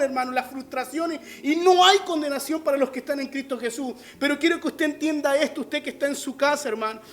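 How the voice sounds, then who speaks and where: A man's voice: very high-pitched, fairly bright tone. A man with a Chilean Spanish accent, a pastor preaching an online sermon and often calling his listeners brother.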